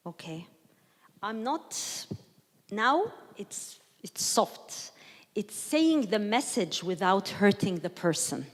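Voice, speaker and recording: A woman's voice: medium pitch, big pitch swings, slow. A woman gives a conversational teaching talk to a group, taking her time over each point. She acts out quoted voices and turns to the room with questions. Her voice carries a long reverb from a church hall. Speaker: speaker leading a workshop.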